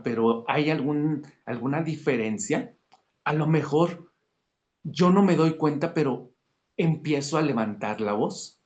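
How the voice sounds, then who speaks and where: A man teaching an online class, explaining slowly and often restarting his sentences, checking in with his students as he goes. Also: on the high side, darkish tone. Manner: explanatory, repeats "verdad" and "fíjense" to check in with students. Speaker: course instructor. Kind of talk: online lecture. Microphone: video call.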